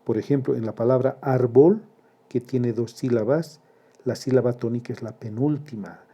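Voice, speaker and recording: Male Spanish grammar teacher, very mellow dark tone, measured explanatory delivery. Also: medium pitch, steady tone, slightly rough, highs cut off. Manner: slow and deliberate, spelling out syllables. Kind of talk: grammar lesson.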